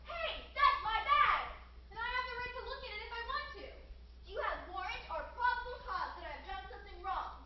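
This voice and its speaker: A woman's voice: very high voice, brisk, heavy reverb, distant mic, highs cut off, a little hiss or hum. A young woman playing a defiant colonist in a student skit, indignant and insistent.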